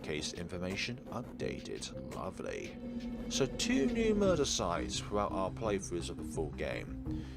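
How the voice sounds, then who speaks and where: Over game music, a man reads visual novel lines aloud as part of his let's play commentary for YouTube. He speaks low and gravelly at a measured pace, with huge pitch swings.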